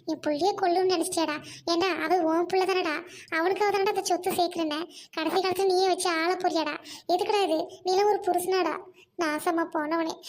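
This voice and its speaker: A woman's voice: very high voice, a little hiss or hum. A woman playing a fierce village wife who scolds and accuses her scheming husband. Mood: anguished. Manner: scolding, accusing, sharp retorts. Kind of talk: amateur family drama acting.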